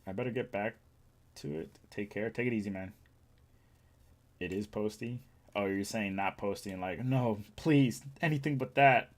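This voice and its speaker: A man's voice: lowish voice, steady tone, moderate pace, long pauses. Joking young man streaming from home. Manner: joking, teasing, reads chat aloud. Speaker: livestreamer. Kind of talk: casual live-stream chat.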